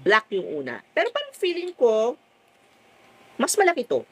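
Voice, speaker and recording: A middle-aged woman from the Philippines with a full, loud voice, chatting casually while selling on a phone live stream from home. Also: on the high side, normal speed, slightly rough, poor audio. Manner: chatty, lively, fond of "o, di ba?".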